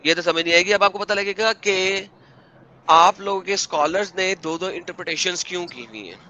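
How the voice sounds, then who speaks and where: A man's voice: sits high, normal speed, bright, forceful tone. A man hosting an online debate, pressing his points and mocking the other side's arguments. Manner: mocking, theatrical when reading quotes. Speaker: debate host. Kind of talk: online debate with screen share.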